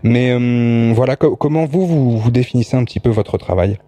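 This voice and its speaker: A man's voice: mid-range voice, moderate pace, warm tone, dry recording. A man hosting a radio interview in a casual way, hesitant with many fillers and restarts. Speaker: radio host.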